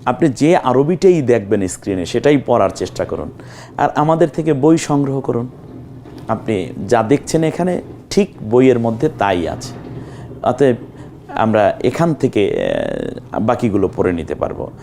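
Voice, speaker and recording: A man teaching Quran recitation step by step, patiently repeating words and breaking into drawn-out melodic chanting of the verses. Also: medium pitch, animated, warm tone, a little hiss or hum. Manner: drawn-out melodic chanting of Arabic verses between plain explanations. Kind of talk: slow step-by-step recitation lesson.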